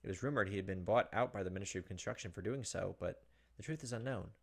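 A man in his thirties hosts a let's play, reading a visual novel aloud in a dramatic style with casual asides thrown in. His voice is fairly low, fast, gravelly and a bit rough, with soft game music underneath.

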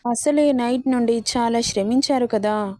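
A devoted young wife, patient but stubborn, who pleads and pushes back, as a woman storyteller puts her on. The voice is mellow and dark-toned, slightly high, in a dry, close recording. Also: normal speed, no room sound, natural voice. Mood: pleading.

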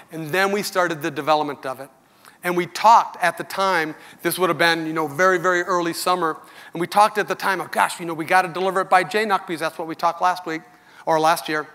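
A middle-aged man speaks from a big conference stage through a headset mic. His voice sits somewhat high for a man. He talks in an earnest, conversational way, frank with his audience of customers. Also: steady tone, brisk, sharp tone. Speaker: company executive giving keynote. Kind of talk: conference keynote speech.

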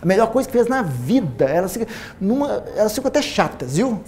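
Man, Minas Gerais accent, forties, surgeon lecturing, lapel mic, auditorium, warm low voice, faint hum. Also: fairly quick. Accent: Brazilian Portuguese, Minas Gerais. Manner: animated, repeats phrases for emphasis, acts out patients' quotes. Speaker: plastic surgeon giving a talk. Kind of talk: lively seminar talk to an audience. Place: auditorium stage with a large audience.

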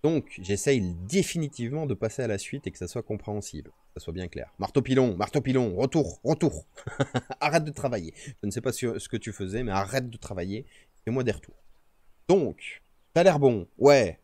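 Medium in pitch and a little mellow, this man's voice has lively intonation and a fairly quick pace, with no room sound. He's out in nature streaming casually, talking to viewers and himself while fiddling with his streaming mic, which uses a noise gate.

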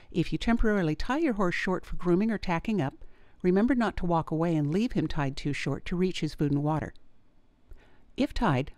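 A woman veterinarian giving calm, measured scripted instructional narration as a voice-over. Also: lowish voice, no room sound. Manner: calm, measured, clear advice.

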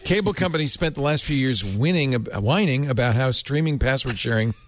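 A man's voice: medium pitch, fairly quick, no echo. A man hosting a casual panel podcast, reading an article aloud with jokes and asides. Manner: animated, joking, mock-pompous reading voice. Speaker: podcast host.

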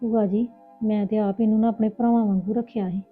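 A woman's voice: mid-range voice, fairly even intonation, husky, natural voice. A woman playing an outspoken elder sister in a Punjabi village family drama, speaking with a Punjabi accent. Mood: indignant. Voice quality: fast, outspoken, indignant. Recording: tinny phone-like lo-fi with music.

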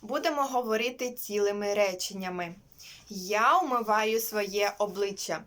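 A young woman teaching English to young children, modelling each sound clearly, asking them to repeat and praising them warmly. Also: mid-range voice, normal speed. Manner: warm praise and diminutives for children. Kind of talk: online primary-school lesson.

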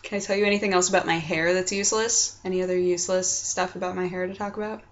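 A woman's voice: lowish voice, steady tone, fast. Young woman chatting, muffled lo-fi webcam sound. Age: 20s. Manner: playful, rambling, acts out sounds and quotes. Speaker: vlog host. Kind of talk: casual chatty vlog. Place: small furnished room at home, indoors. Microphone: computer webcam mic at arm's length.

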